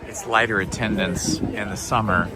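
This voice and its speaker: A man hosting a casual live stream, explaining things in a halting, thinking-aloud way. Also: lowish voice, steady tone, heavy background noise. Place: theme park, out and about. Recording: loud crowd and music behind. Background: loud music and crowd.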